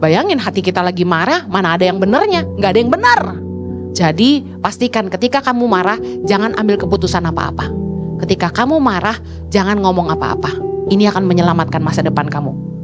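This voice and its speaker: A middle-aged woman pastor preaching a sermon in an animated way, acting out quoted people in high voices. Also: fairly quick. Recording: music playing behind the voice.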